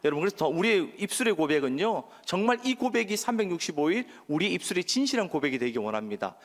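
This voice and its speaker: A male pastor preaches in a high, very animated voice and calls out lines for the congregation to answer back. His voice carries a long reverb from the church sanctuary. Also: fast. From Gyeongsang region, Korea. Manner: preaching with call-and-response to the congregation. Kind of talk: sermon.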